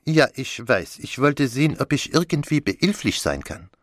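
A man voicing a courteous, self-assured elderly Belgian detective in an audiobook, speaking deliberately. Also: mid-range voice, big pitch swings, no room sound, clean studio sound, pitched above the performer's own voice, close to an everyday voice. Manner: measured, polite, deliberate. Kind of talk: audiobook character voice.

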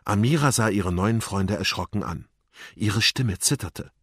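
A man narrating a children's audiobook in an expressive storytelling manner. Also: lowish voice, unhurried, husky, no echo, studio quality.

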